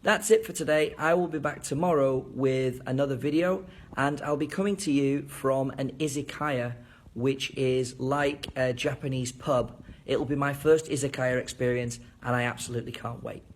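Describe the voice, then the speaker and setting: A man's voice: medium pitch, fairly even intonation, moderate pace. A man giving an enthusiastic video lesson on intonation, demonstrating rising and falling tones with his own voice. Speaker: teacher trainer.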